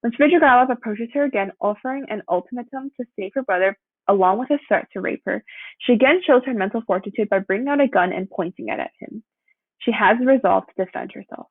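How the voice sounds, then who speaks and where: A young woman reads a student presentation from a script at a steady pace, now and then tripping on a word and fixing it. Her voice sounds thin and phone-like. The recording is dry, with no room echo. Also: on the high side. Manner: steady read-through with occasional slips and self-corrections. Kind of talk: reading a prepared presentation.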